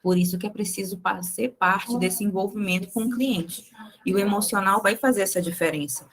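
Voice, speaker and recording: A woman's voice: mid-range voice, moderate pace, a bit bright. A young adult woman leading a live sales training, chatty and speaking straight to the group with frequent tag questions.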